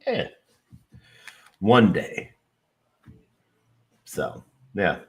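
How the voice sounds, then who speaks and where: A man with a low voice and drawn-out words hosts a casual livestream as a crypto content creator, talking loosely with fillers and the occasional swear word. He's relaxed overall but switches to a hype announcer voice when introducing a guest.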